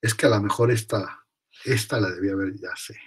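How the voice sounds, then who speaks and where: Husky man rambling through a math lecture. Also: lowish voice, a little fast. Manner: thinks aloud, self-correcting, chatty.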